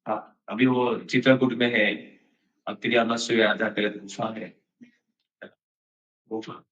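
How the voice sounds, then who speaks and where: A man's voice: lowish voice, little pitch movement, takes it slowly, a bit bright. A man giving a storytelling sermon in a chatty style, mixing in English phrases and laughing now and then. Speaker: devotional speaker. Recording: echoey, distant, dull sound.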